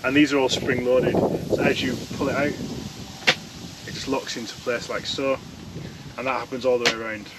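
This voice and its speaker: A man's voice: medium pitch, level tone, moderate pace, pauses often, very noisy. A young man chatting casually as he reviews fishing gear from inside a tent, rambling and restarting his sentences. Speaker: fishing vlogger.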